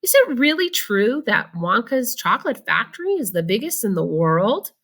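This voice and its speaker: Pitched above her own natural voice, a woman speaks on the high side with big pitch swings, a moderate pace and a fairly bright tone. Her exaggerated performance voices an eager, curious little boy asking wide-eyed questions.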